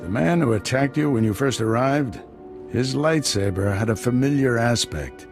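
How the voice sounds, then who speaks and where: An actor playing a stern, commanding middle-aged Jedi master in a video game, speaking with measured authority. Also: male voice, mid-range voice, over music, close to an everyday voice. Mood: grave, troubled. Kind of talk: video game cutscene acting.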